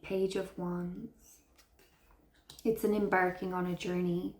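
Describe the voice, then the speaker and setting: A woman's voice: lowish voice, little pitch movement, takes it slowly, a little mellow, echoey room. A woman giving an intuitive tarot reading to her viewers, speaking in an earnest, affirming way and heaping praise on them. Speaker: tarot reader.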